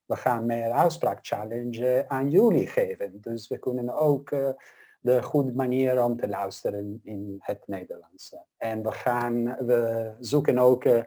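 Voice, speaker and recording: Man, host, slow, halting, searching for words. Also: medium pitch, mellow. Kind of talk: casual chat.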